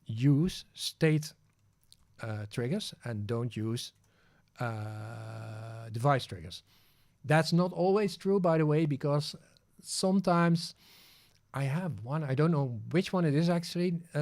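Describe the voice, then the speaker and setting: A Dutch man from the Netherlands hosts a livestream, walking through an on-screen tutorial in a casual screen-share. He thinks aloud, with frequent fillers and restarts. His mid-range voice is a little mellow.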